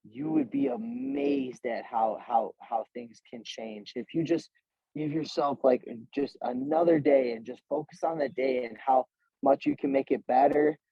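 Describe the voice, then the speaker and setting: A man in his twenties speaks as a guest in a casual interview. His voice is husky and gravelly, and he talks slangy and earnest, swearing freely and acting out both sides of the conversations he recalls. The recording sounds dry and a bit dull, like a lo-fi setup. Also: medium pitch, big pitch swings, measured pace, no room sound. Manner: slangy, swears freely, says "bro" a lot; retells scenes by voicing both sides of the talk. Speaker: interview guest, pro fighter.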